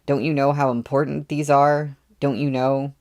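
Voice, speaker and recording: A man reading aloud, voicing a flustered, gossipy male housekeeper who scolds with rapid-fire questions. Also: medium pitch, level tone, a little mellow, lightly acted. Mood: scolding, alarmed. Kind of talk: audiobook readalong.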